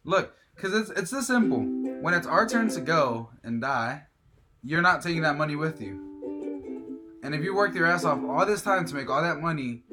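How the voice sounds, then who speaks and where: A man with a Filipino accent in casual debate, his pitch swinging freely as he insists on his points. He is opinionated and repetitive, with clear music playing behind him. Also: lively intonation, moderate pace. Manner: opinionated, emphatic, repeats himself.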